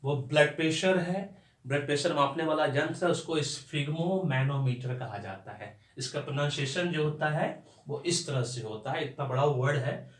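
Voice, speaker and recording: Man teaching English words in an echoey room. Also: fairly high pitch. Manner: explains slowly, spells words out letter by letter. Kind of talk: vocabulary and pronunciation lesson.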